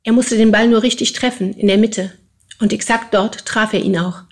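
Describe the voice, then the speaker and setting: Woman audiobook narrator, steady storytelling read. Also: medium pitch, normal speed. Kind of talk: audiobook reading.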